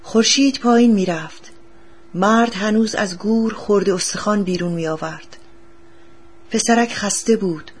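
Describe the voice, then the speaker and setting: A woman reads a story aloud in a calm, measured way. Her voice is husky and sits at a middle pitch. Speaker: narrator. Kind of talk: storybook reading.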